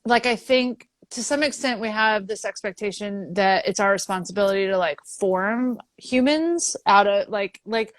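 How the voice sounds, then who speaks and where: Woman in her thirties, frank, casual swearing, medium pitch, dry sound. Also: moderate pace, hardly any pauses, no echo. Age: 30s. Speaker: guest musician. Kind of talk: casual interview chat.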